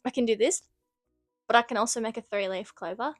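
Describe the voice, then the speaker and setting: A woman's voice: on the high side, a little fast, dry recording, clean studio sound, faint music behind. A young woman, co-hosting a casual podcast. She talks playfully and often trails off mid-sentence. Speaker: podcast co-host. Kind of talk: casual chat.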